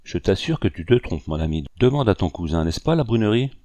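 A man's voice: lowish voice, big pitch swings, fairly quick, dark tone, no room sound. A man reading an audiobook, voicing an impatient, scolding older father. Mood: teasing. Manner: brusque, scolding.

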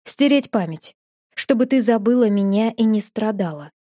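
A woman voicing a soft-spoken, tender young man. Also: medium pitch, lively intonation, normal speed, no room sound, studio quality, lightly acted. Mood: confessional. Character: tender young man, gentle, remorseful, protective.

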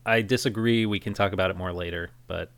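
Low-voiced man trading opinions. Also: steady tone, fast talker, fairly bright tone, clean tone, no echo. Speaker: podcast co-host. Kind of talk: casual movie-review chat.

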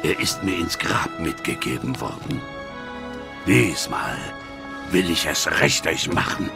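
An actor playing a solemn ancient sorcerer's ghost risen from the grave, speaking gravely and declaiming in a horror audio drama. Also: male voice, sits low, lively intonation, measured pace, exaggerated voice. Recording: music behind the voice.

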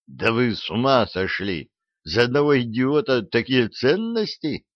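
A man's voice: mid-range voice, sing-song, a little slow, no echo. Man doing a menacing old wizard. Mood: indignant. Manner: hissing, angry, blustering. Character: wizard vice-rector, frightened then menacing. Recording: dull lo-fi.

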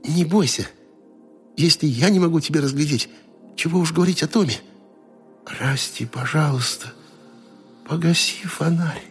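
Needs a breathy, high, hushed whisper for a sorrowful young woman's ghost, put on by a male narrator. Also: moderate pace, long pauses, faint music behind, natural voice. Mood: pleading whisper. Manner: soft, pleading, fading.

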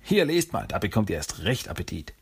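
A man's voice: fairly low pitch, very animated, a little fast, breathy edge, heavily acted. A man voicing an eager, joking young male mutant turtle in a storybook reading.

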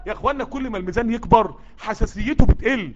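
Delivering a sermon to a gathered group, the man speaks in an Egyptian Arabic accent, sweating and fired up, pressing his listeners with escalating, repeated calls. His high-pitched voice races along against a noisy background, recorded in dull lo-fi.

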